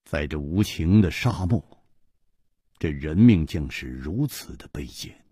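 Male traditional storyteller; husky, unhurried, lively pitch, dry. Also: dry recording. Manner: expressive, swinging between loud and hushed.

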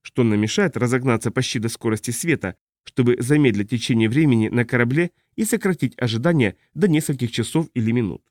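A man's voice: medium pitch, fairly quick, hardly any pauses, a little mellow, no echo, lightly acted. Male narrator as a smug, scheming man in charge, calculating, everyday tone, dry audiobook sound.

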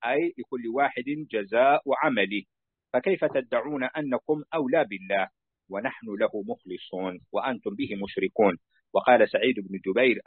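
Husky man reading over a tinny line. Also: medium pitch, dry recording. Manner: steady reading, repeats phrases to correct slips. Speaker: student reading a book aloud to a sheikh. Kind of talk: reading a classical commentary aloud. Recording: tinny phone-like dry recording.

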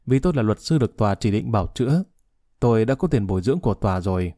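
A man voicing a calm, formal middle-aged lawyer speaking in a measured way. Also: medium pitch, dry recording, studio quality, close to an everyday voice.

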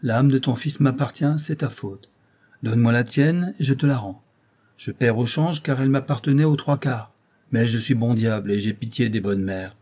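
A man's voice: medium pitch, normal speed, dark tone, lightly acted. A man reading the part of a sly, smug male devil striking a bargain, in a cool mocking manner, in an audiobook.

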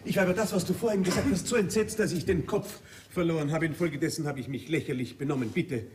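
An actor voices a proper, wounded husband who keeps his manners. His voice sits slightly high. It comes from a distance on a stage recording with faint noise. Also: a little mellow, close to an everyday voice. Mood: hurt. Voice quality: formal, measured, polite. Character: formal, stiff husband, hurt but correct. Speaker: Arnold. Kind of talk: 1980s stage play recording.

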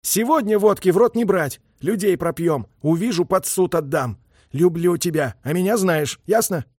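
A stern army major giving orders in a measured, steady way, as a male narrator puts him on. The voice sits high for a man, a little husky, and dry. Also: dry recording. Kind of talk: audiobook character voice.

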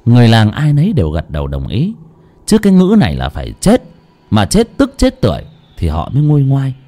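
A man's voice: medium pitch, wildly swooping pitch, a little fast, warm tone. A man narrating an audiobook story dramatically.

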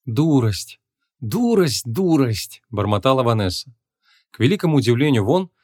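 A man narrating a humorous fantasy audiobook in an expressive, lively manner. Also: medium pitch, dry recording, studio quality.

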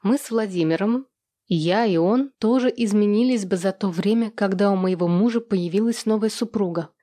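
A woman doing a calm, mocking ex-wife. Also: medium pitch, normal speed, no echo, lightly acted. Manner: calm, sarcastic.

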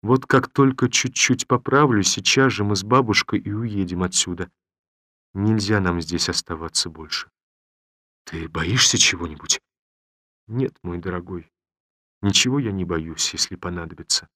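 A man doing a soft, tender young village woman. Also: low-pitched, normal speed, dry recording, studio quality. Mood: earnest. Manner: soft, quiet and earnest.

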